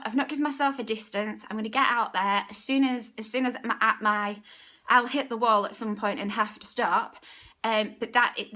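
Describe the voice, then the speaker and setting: A woman's voice: on the high side, pushed and bright. A young woman, a fitness instructor, talking casually through a workout vlog, upbeat and chatty, at times out of breath.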